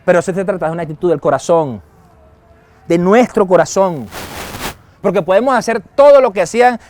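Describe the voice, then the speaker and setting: A man preaching a sermon as pastor, lively and acting out quoted dialogue. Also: high voice, a little fast, slight background noise. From Venezuela. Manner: lively, acts out quoted dialogue and chuckles often.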